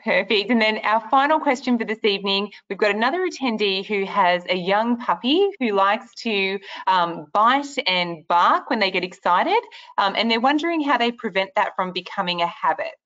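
A woman's voice: medium pitch, animated, normal speed, fairly bright tone. A woman moderating a webinar, reading questions and closing remarks in a polite, scripted way. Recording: dull lo-fi web call audio.

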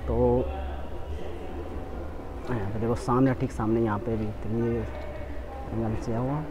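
A man's voice: medium pitch, fairly even intonation, a little slow. A young man chatting casually as he films a walking tour of a shopping mall on his phone, pointing things out to viewers. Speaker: vlogger. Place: indoor shopping mall, open galleries. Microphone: phone camera held while walking. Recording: noisy phone audio with street and mall ambience.

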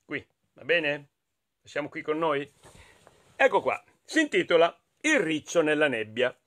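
A man with an Italian accent reading a children's picture book aloud, expressive and playful, talking to his listeners. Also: on the high side, measured pace. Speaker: storyteller.

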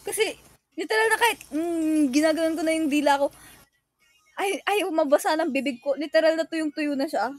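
A young woman chats casually on a livestream, reading fan comments in a high-pitched, brisk voice with no room sound. She's giggly and emotional and mixes English into her talk.

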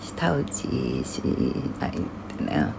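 An older woman chatting casually on a livestream. She reads viewer comments in half-whispers and grumbles loudly in between. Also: slow pace, very noisy.

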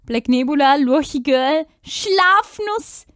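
A woman streamer talks through a live clip reaction with a high, bright-pitched voice. She is chatty and excitable and throws in English exclamations. The sound is dry and close, with no room around it. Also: slow pace, no echo.

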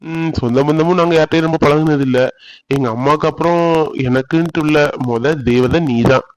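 A man's voice: on the high side, fairly quick, no echo, lightly acted. Man voicing a doting young village fiancé. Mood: fond. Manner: gentle, coaxing. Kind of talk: cartoon voice acting.

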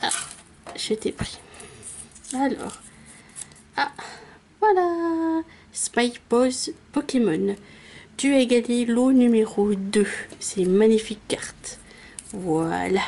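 A woman's voice: a little high, expressive, vocal fry, mellow, a little hiss or hum. A woman YouTuber casually announcing giveaway winners, hesitant and full of fillers. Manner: slow, hesitant, many fillers. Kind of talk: casual vlog chat.

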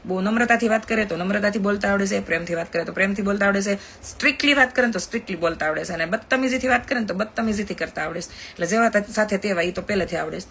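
Telling a story during a live video, this thirty-something influencer speaks in a Kathiyawadi Gujarati accent, talkative, quick and emphatic. Her voice is mid-range and slightly bright, with a little hiss or hum on the recording.

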